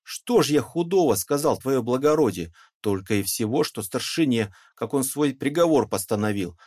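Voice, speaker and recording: A man shouting as a furious aggrieved peasant. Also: medium pitch, animated, moderate pace, voice pushed up, natural voice. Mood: indignant ranting. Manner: shouting, ranting, bitter. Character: loud aggrieved middle-aged peasant man, indignant. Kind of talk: audiobook character reading.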